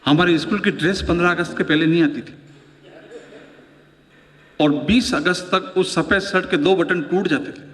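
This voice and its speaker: A man's voice: a little high, normal speed, pauses often, fairly bright tone. A middle-aged man performing humorous poetry and storytelling for a live audience, joking with them as he goes. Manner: storytelling, playful, audience banter. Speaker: stand-up poet. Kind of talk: humorous Hindi poetry recital. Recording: long hall reverb.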